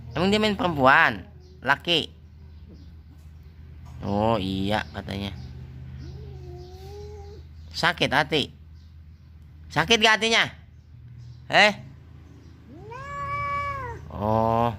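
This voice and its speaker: A man's voice: medium pitch, sing-song, very slow, long pauses, sharp tone, a little hiss or hum. A man, chatting casually and teasingly as he scolds and coaxes his pet cats. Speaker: pet channel host.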